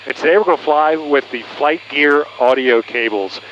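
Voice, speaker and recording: A man demonstrates a product in an instructional way, sounding like a pilot on a headset intercom. His voice is a little high and a bit bright, at a moderate pace, coming through an aviation headset and intercom cable as muffled, noisy cockpit audio.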